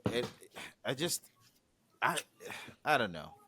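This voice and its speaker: A man chatting as a podcast guest, his voice bright and his pitch jumping around with real liveliness. He talks loosely and profanely. He restarts often and acts out little quotes as he goes. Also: takes it slowly, breathy edge, no echo. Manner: animated, profane, many restarts and acted-out quotes. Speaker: guest, music producer. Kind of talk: casual podcast conversation.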